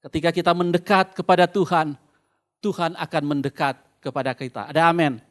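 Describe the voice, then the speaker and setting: An Indonesian man preaching a sermon through a face mask, slightly muffled, deliberate, pausing and repeating phrases for emphasis. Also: on the high side, steady tone, fairly bright tone.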